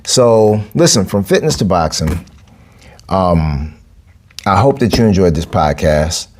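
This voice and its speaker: Rambling on his own podcast, this boxing and capoeira coach in his 40s sounds animated and punchy, keeping a measured pace with a slightly mellow voice. He repeats himself a lot and makes big pitch jumps for emphasis, over a little hiss or hum.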